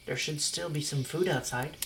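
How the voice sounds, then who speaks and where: A woman's voice: low-pitched, moderate pace, gravelly, a bit bright, a little hiss or hum. A woman voicing Stephanie, a blunt and chatty teenage girl among werewolf kin, with a brash, outspoken manner. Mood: friendly.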